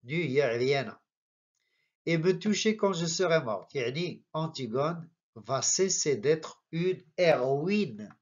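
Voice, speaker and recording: A man's voice: a little high, lively intonation, unhurried, a little mellow, husky. A man teaching a literature lesson, explaining the text step by step and switching between French and local Arabic dialect. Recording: dull lo-fi recording.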